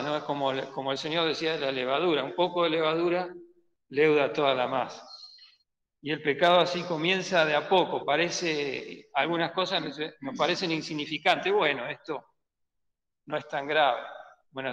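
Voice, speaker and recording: A man with an Argentine Spanish accent giving an earnest Sunday school Bible lesson, often pausing to ask "¿no?" and "¿mm?". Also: a little high, a bit bright, muffled recording. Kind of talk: church Bible teaching. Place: church hall. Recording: echoey church hall with long reverb.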